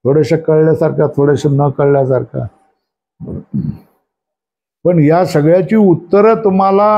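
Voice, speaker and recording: A man with a noticeably high voice leads a scripture class as a spiritual teacher. He keeps asking his listeners questions and checking that they agree, pausing to dictate what they should number and underline. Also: lo-fi sound.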